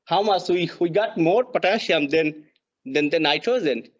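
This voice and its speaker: A man from Bangladesh with a Bangladeshi accent delivers an extension lesson over slides, pausing often on fillers and restarting phrases. His voice sits fairly high for a man. The audio is dull and lo-fi, as from an online meeting. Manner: halting, frequent uh fillers and restarts. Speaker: extension soil fertility specialist.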